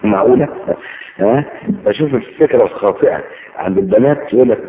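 Fast-talking Egyptian preacher, tinny sound. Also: male voice, medium pitch. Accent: Egyptian Arabic. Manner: lively storytelling, acting out quoted dialogue. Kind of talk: religious lecture. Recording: tinny phone-like line with faint noise.

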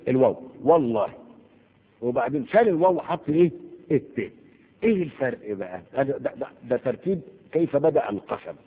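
A man's voice: mid-range voice, slightly rough. A man with an Egyptian accent teaching a grammar lesson, asking the class questions and answering them himself. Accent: Egyptian Arabic. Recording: echoey hall over a tinny, phone-like line.

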